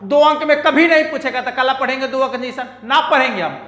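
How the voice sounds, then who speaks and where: Male math teacher, high bright voice, emphatic, repeats himself, teases students, echoey room with long reverb. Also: a little fast. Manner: emphatic and repetitive, scolding banter with students. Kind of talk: online math lesson.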